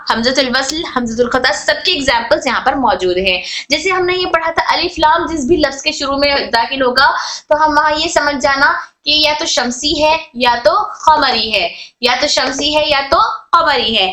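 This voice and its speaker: A woman teacher with a high, bright voice explains letter rules patiently, repeating points and drawing out single sounds slowly to show them. The lesson is recorded in an echoey room.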